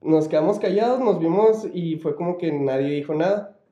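A man with a Mexican accent tells a story to friends in a loose, rambling way, full of fillers and slang. His voice is very dark and mellow. The room gives it a noticeable echo. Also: on the high side, normal speed, highs cut off. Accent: Mexican Spanish. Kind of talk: casual spoken storytelling among friends. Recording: roomy echo.

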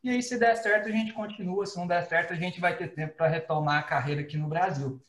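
A man's voice: high voice, fairly even intonation, fast, a bit bright. A man from Goiânia with a Goiás accent, a podcast guest telling his story in a friendly way. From Goiânia, Brazil. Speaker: podcast guest, immigration consultant. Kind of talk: casual podcast conversation. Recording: echoey room.

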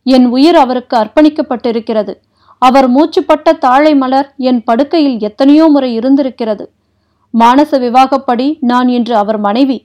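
A woman's voice: high-pitched, normal speed, dark tone, natural voice. A woman voicing a proud, fiery young princess who speaks sharply and defiantly, read for an audiobook. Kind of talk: audiobook character reading.

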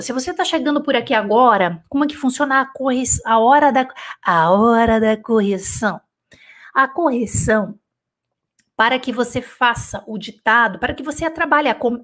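A woman teaching French in a live online lesson, dictating slowly and then explaining in chatty, easygoing Portuguese with lots of "tá?" checks. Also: on the high side.

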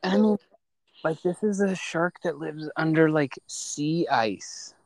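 A young man co-hosting a casual podcast, rambling excitedly with lots of fillers. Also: fairly high pitch, takes it slowly, gravelly, poor audio. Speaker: podcast co-host.

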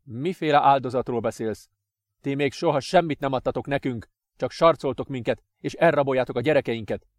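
A man voicing a desperate father, loud, defiant and pleading. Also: on the high side, no echo, clean studio sound, pitched above the performer's own voice, lightly acted. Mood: indignant.

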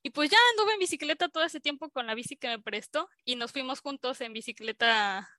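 A woman's voice: high-pitched, lively intonation, fairly quick, pushed and bright, no echo. A young woman with a Mexican accent, a scientist telling a story as an interview guest in a chatty way, full of fillers, acting out the dialogue she quotes. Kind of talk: casual storytelling.

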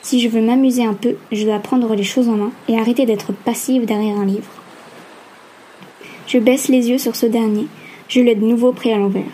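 A woman narrating a first-person novel aloud in an even, steady reading. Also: fairly high pitch, moderate pace, slight background noise. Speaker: audiobook narrator.

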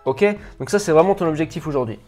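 A personal development coach with a French accent improvises a video lesson, addressing the viewer informally. His voice is a little high and darkish, he talks fast, and soft music plays underneath. He stammers, rambles, and keeps restarting and repeating himself.

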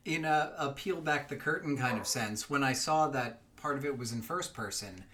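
A man's voice: mid-range voice, moderate pace, a bit bright, slight background noise. A man co-hosting a fiction podcast, chatting casually with many fillers. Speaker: podcast co-host.

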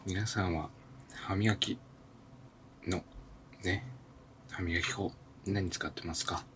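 A man hosting a podcast, talking through his morning routine in a soft, often half-whispered, unhurried monologue. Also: sits low, fairly even intonation, a little hiss or hum. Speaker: podcast host.

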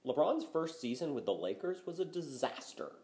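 Older man rambling in lively sports talk. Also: on the high side, normal speed. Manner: rambling, many fillers and restarts. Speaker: podcast co-host. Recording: roomy echo.

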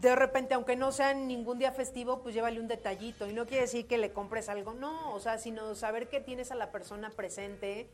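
Upbeat Mexican talk-show hostess. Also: female voice, on the high side, fairly even intonation. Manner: friendly, advice-giving, brisk when announcing. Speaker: radio show host. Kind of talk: live talk show hosting.

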